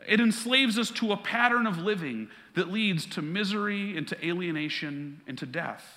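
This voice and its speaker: Man, pastor, sermon, earnest conversational preaching, high voice, echoing sanctuary. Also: bright, forceful tone.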